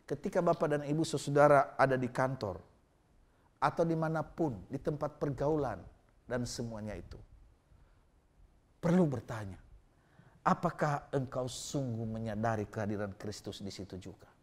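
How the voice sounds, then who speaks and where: A male pastor preaching a sermon to an online congregation. He swings between loud, emphatic exhortation and quiet, low storytelling, and speaks straight to his listeners. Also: normal speed, pauses often. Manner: addresses listeners directly as brothers and sisters. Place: church, recorded for an online home service.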